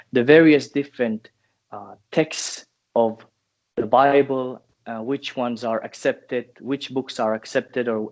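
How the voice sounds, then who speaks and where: A Finnish man in his twenties, appearing as an interview guest, answers questions thoughtfully but haltingly, often restarting his sentences. His voice is medium-pitched and a little mellow.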